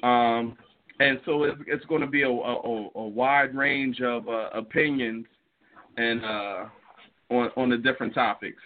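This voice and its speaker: Halting man hosting a podcast over a tinny line. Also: medium pitch, fairly even intonation. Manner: laughing, halting with many restarts. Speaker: podcast host. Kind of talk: casual podcast chat.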